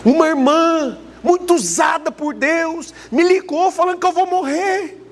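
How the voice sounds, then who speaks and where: A man's voice: extremely high pitch, normal speed, a bit bright, voice pushed up. A man voicing a frightened, tearful church woman who pleads anxiously with her pastor. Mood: anxious pleading.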